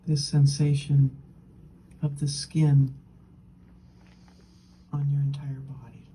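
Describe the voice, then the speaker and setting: A woman teaching meditation guides listeners gently and without hurry, speaking short phrases separated by long pauses. Her soft, breathy voice is rumbling and low, often sinking toward a whisper with little pitch movement. The low-quality recording carries a slight hiss or hum.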